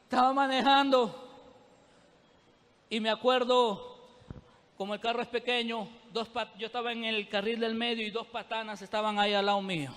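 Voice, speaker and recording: A man preaching with fervent intensity, speaking straight to his congregation. His voice sits very high for a man. It rings with the long reverb of a church hall. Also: fairly even intonation, normal speed, long pauses, a bit bright. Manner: fervent, addresses the congregation directly with rising intensity. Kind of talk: sermon.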